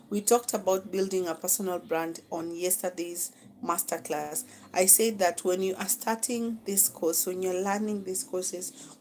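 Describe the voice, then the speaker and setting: A woman's voice: mid-range voice, darkish tone, a little hiss or hum, rough recording. Kenyan woman coaching a live class. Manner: coaching, repeats phrases, frequent "okay?" check-ins. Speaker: social media marketing instructor. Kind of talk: live-streamed masterclass.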